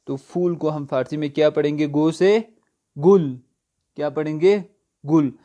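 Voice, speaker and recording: A male language teacher, a native Urdu speaker, slowly drilling vocabulary by asking and answering his own questions. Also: a little high, warm tone. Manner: slow drilling, repeats words with question and answer. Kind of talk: recorded online language lesson.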